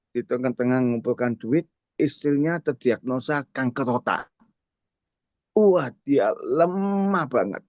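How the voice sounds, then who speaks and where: A man's voice: mid-range voice, warm tone, no echo. A man, telling a story as a testimony at a prayer fellowship, speaking directly to the congregation. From Indonesia. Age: 60s. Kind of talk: sermon testimony. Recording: dull dry sound.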